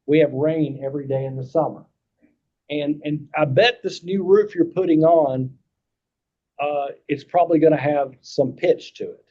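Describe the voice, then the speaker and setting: On the high side and mellow, this man's voice moves at a moderate pace. He's an insurance agent from Kentucky with an accent to match, presenting to a committee in a folksy way that repeats points and checks that everyone follows. The meeting audio is dull and lo-fi.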